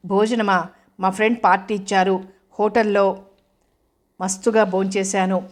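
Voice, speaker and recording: Female reader voicing a slurring drunk husband, defiant, flat delivery, audiobook. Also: medium pitch, measured pace, close to an everyday voice. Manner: slurred, thick speech.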